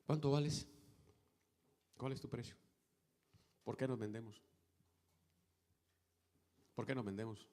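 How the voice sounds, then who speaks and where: A man delivers a sermon from the pulpit in a mid-range voice. He repeats rhetorical questions to his listeners. He climbs to loud exhortation, then drops to soft, hushed storytelling. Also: mid-range voice, slow, pauses often. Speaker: pastor.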